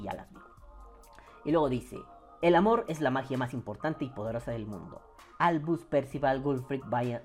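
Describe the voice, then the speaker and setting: A man with a Mexican accent hosting a podcast, reading viewer comments in casual, profane chat and jumping into high mock voices. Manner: animated, swings into high mock voices, swears freely.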